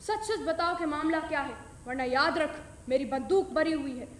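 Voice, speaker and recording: A woman's voice: sits high, normal speed, a little hiss or hum, lightly acted. A woman voicing a stern, blustering father, startled awake and scolding, in an echoey room. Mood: angry. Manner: blustering, commanding.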